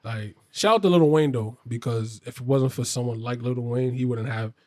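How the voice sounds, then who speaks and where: A man's voice: mid-range voice, normal speed, darkish tone. Young guy hosting a chill podcast, playful, clowning with his boys. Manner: playful, introduces the show and jokes with friends. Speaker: podcast host. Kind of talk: casual chat.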